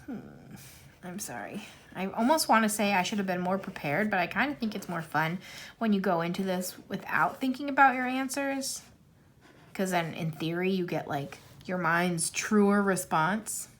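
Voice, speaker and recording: Coloring as she talks, this thirtysomething YouTuber works through a tag questionnaire in a loose, self-deprecating ramble full of fillers. Her voice is medium-pitched and expressive at a moderate pace, and the recording carries a slight hiss or hum.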